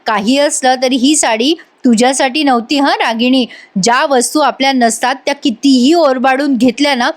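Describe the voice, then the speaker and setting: A woman's voice: high-pitched, fairly even intonation, normal speed, lightly acted. A woman voicing a stern, proud male boss who speaks firmly.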